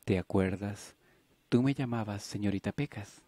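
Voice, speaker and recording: A man's voice: fairly low pitch, moderate pace, mellow, slight background noise, lightly acted. A man voicing a bubbly, impulsive young woman nurse in an audiobook, alternating teasing and wistful tones. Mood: playful.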